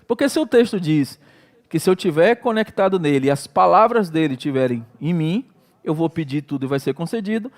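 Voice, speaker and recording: A middle-aged Brazilian man preaching a sermon, his voice set high for a man. He talks in a loose, storytelling way and acts out his own prayers and exclamations. His Brazilian Portuguese accent is clear throughout. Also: animated, a little fast. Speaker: pastor.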